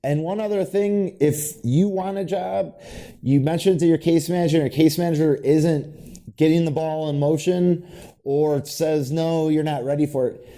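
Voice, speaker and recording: A man with a very bright, sharp tone talks in an easygoing, folksy way. He explains support programs as if chatting with a friend, and his voice sits a little high for a man. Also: moderate pace. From United States. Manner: relaxed, folksy and conversational. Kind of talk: casual informational chat.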